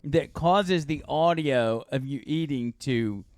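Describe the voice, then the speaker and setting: A man's voice: medium pitch, slow, a little mellow, no echo. A man co-hosting a radio talk show, trading jokes in casual studio banter and laughing often. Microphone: studio microphone.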